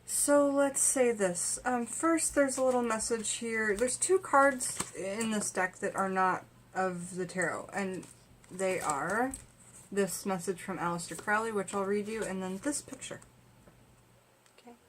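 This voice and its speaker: A woman's voice: medium pitch, unhurried, a little hiss or hum. A woman vlogging about tarot from home in a rambling, conversational way, full of fillers and restarts. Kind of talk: casual chat.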